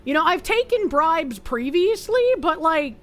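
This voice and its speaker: A woman streamer giving casual gameplay commentary, blunt and joking with quick asides. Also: extremely high pitch, big pitch swings, soft background music.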